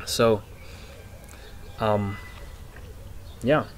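Speaking extremely slowly in a fairly low voice, a twenty-something self-improvement vlogger rambles casually, excitable and slangy, with swearing and fits of giggles. He's out on a house porch, and the laptop's built-in microphone at arm's length gives a noisy recording.

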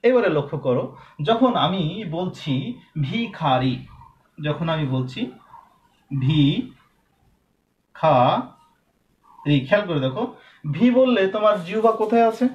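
A man from Bangladesh teaching a lesson, explaining patiently and slowly drawing out sounds as examples. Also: high voice, very animated, darkish tone, dull audio. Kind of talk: recorded classroom lesson.

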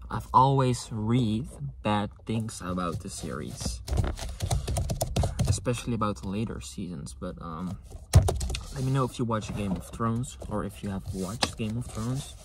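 A non-native English-speaking man in his twenties chatting casually for ASMR, soft-spoken and halting, sometimes slipping into a whisper. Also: on the low side, lively intonation. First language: not English. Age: 20s. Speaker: ASMR video creator. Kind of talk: ASMR, casual rambling chat to camera. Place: inside a parked car with engine off. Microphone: close to camera behind steering wheel. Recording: clicking, tapping and handling noise throughout. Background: loud clicking and tapping.

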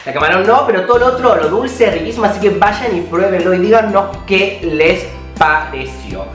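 A young Argentine man hosts a casual tasting vlog with playful energy. His pitch swings widely as he talks. He is recorded a little away from the camera in an echoey room. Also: lively intonation, moderate pace. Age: young adult. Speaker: host. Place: small bare-walled room indoors. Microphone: camera a short distance away. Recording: roomy, distant camera microphone, faint music.

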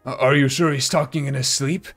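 A man reading the part of a proud, gruff warrior who is easily rattled, in a video game. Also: medium pitch, fairly even intonation, brisk, a bit bright, soft background music, lightly acted. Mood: indignant. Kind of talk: video game dialogue read aloud.

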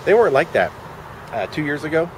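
On a low-quality recording, a man in his forties speaks a little fast in a fairly high voice with big pitch swings, vlogging to a handheld camera at arm's length. Standing in a shopping center parking lot amid traffic and outdoor noise, he rambles through dry, wry commentary with muttered asides.

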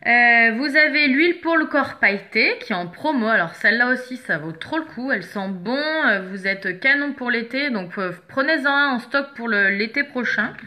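This makeup seller's voice is on the high side, pushed and bright. She chats easily as she displays products one after another, breaking off at times to hunt for something that's gone missing.

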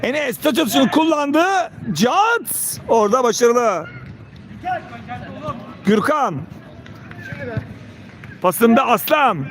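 A man's voice: big pitch swings, drawn-out words, long pauses. A man giving live play-by-play football commentary in short calls of players' names. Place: outdoors beside a football pitch. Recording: outdoor pitch with players and crowd behind.

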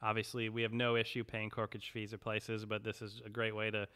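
A man co-hosting a podcast, presenting each item in an upbeat, steady way. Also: on the low side, a little fast. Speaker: podcast co-host. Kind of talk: casual chat.

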